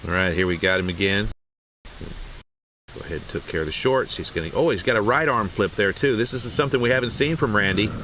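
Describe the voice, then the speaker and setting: Low-voiced man doing mock sports commentary. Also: fast, slight background noise, rough recording. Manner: playful, deadpan hype of small moments. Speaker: play-by-play commentator.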